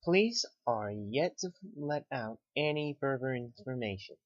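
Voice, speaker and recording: A man voicing a male TV news anchor who gives a measured broadcast report. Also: mid-range voice, expressive, no echo, lightly acted. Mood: formal. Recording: dry, slightly dull lo-fi.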